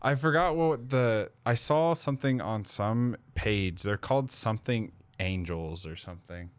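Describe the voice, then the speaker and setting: A man's voice: on the low side, unhurried, clean tone, no echo. A man hosting a casual movie review podcast, rambling and self-correcting with lots of fillers. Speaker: podcast host.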